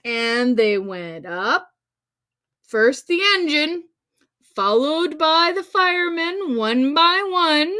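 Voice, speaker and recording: Her voice high, expressive, pushed and bright, a woman host animates a picture-book read-aloud recorded on a livestream. She plays it up with exclamations, drawn-out words, dramatic stress and asides aimed at young viewers.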